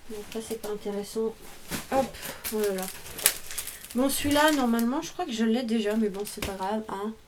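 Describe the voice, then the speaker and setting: A woman's voice: on the high side, normal speed, noisy background. A woman vlogger casually showing off a craft haul at home, chatty and hesitant, often trailing off. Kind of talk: casual show-and-tell haul.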